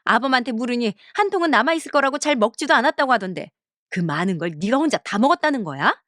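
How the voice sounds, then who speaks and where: A woman's voice: on the high side, lively intonation, fast talker, fairly bright tone, no echo, clean studio sound. A woman voicing a harsh middle-aged mother-in-law in a story cartoon, speaking with contempt and berating her daughter-in-law. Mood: scornful.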